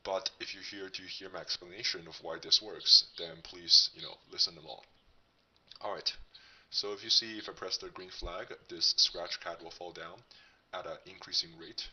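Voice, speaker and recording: A man hosting a casual coding tutorial, his voice disguised as a deep one by a voice changer, thinking aloud as he demonstrates. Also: normal speed, pushed and bright, husky, recorded from a distance, rough recording. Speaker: tutorial host.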